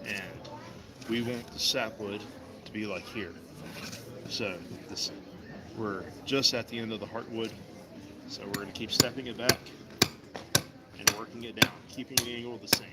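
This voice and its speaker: At a vendor table in an indoor mall, a Virginia man demonstrates wood carving and chats in a friendly, folksy way with passing customers. His low voice has fairly even intonation and a moderate pace with frequent pauses. The busy crowd around the table makes the recording very noisy with chatter.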